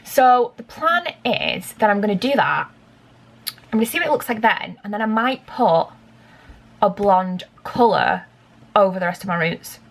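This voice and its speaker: A woman's voice: medium pitch, expressive, normal speed. A young woman vlogging casually at home about dyeing her own hair, rambling with lots of fillers and talking to herself. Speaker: beauty vlogger. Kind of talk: casual chatty vlog.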